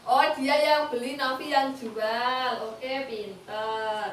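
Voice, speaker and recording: A woman's voice: on the high side, fairly even intonation, takes it slowly, fairly bright tone. A young woman with a Javanese accent, a student teacher patiently coaxing young children through a music lesson with questions. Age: young adult. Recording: echoey room, voice far from the mic, faint background noise.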